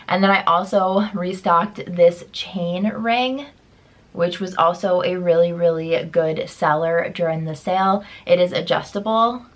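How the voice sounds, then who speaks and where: Sick, nasal-voiced young woman vlogger. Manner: lower energy, upbeat product talk. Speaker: beauty vlogger. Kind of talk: casual chat to camera.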